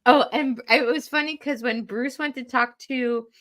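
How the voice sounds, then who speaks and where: A woman's voice: sits high, steady tone, normal speed, fairly bright tone. A woman co-hosting a podcast in casual chat, talking in a chatty, giggly way. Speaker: podcast co-host.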